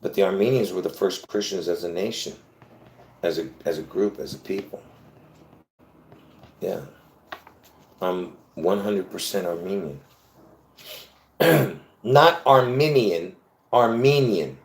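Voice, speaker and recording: Hosting a casual solo livestream, a man born in Lebanon rambles and chats, often laughing and starting sentences over. His voice is low, and he moves slowly with long pauses. The recording has a roomy echo.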